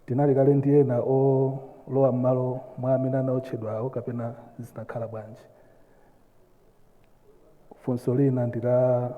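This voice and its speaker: A man's voice: mid-range voice, slight background noise. Malawian guy reporter asking questions at a presser, echoey hall, tinny narrow sound. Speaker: newspaper reporter. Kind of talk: press conference questions, switching between two languages.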